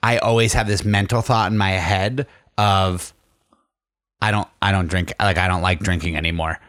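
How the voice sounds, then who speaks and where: Lowish voice, laid back podcast cohost dude, wry, dry close sound. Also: male voice, steady tone, moderate pace, fairly bright tone, no room sound. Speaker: podcast co-host. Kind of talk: casual chat.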